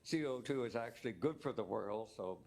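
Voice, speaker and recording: A man's voice: mid-range voice, animated, fairly quick, a little mellow. A man, a physics professor, answering an interview in a matter-of-fact, dismissive way.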